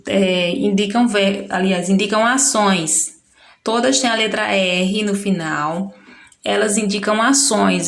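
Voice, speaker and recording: A woman's voice: mid-range voice, creaky, a bit bright, roomy sound. A woman teacher with a Brazilian Portuguese accent, patiently explaining a schoolbook lesson step by step and sounding out syllables. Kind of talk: recorded lesson walkthrough.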